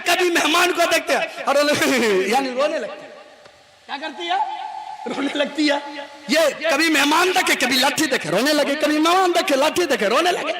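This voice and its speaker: A maulana telling a funny moral story on stage, animated and often shouting. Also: male voice, very high voice. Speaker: maulana, preacher. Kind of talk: humorous moral storytelling sermon. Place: stage at a live poetry gathering. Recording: live event with loud crowd.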